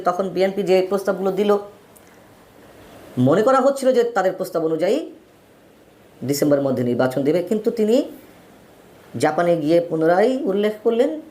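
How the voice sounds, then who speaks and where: Man, political talk show host, emphatic, widely swinging pitch, quick runs of names. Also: a little mellow. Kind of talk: solo political commentary to camera.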